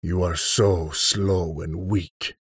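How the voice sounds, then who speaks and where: Guy doing a smug old killer villain, low husky drawl, slow and sneering. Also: fairly even intonation, dry recording, exaggerated voice. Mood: contemptuous. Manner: slow, contemptuous, menacing. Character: cold, arrogant older male superhuman killer. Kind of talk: audiobook character reading.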